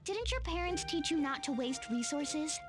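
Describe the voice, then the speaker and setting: High-pitched, bossy young heroine. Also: female voice, big pitch swings, moderate pace. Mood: bossy, cheerful. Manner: sassy, commanding. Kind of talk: English video game voice acting. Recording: game music behind the voice.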